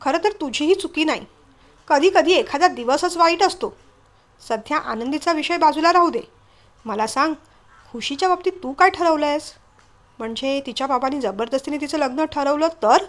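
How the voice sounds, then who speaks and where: A woman's voice: high-pitched, moderate pace, natural voice. A woman reading an earnest, apologetic young man.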